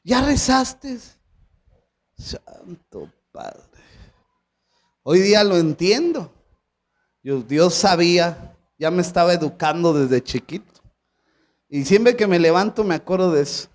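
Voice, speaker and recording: A pastor, preaching a sermon with emphatic rhetorical questions to the congregation and a few English words dropped in. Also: male voice, high-pitched, animated, normal speed, pauses often, a little mellow.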